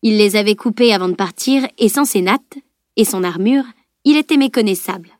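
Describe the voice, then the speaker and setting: A woman narrating an audiobook with an even, measured reading. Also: mid-range voice, dry recording, studio quality. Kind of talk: scripted narration.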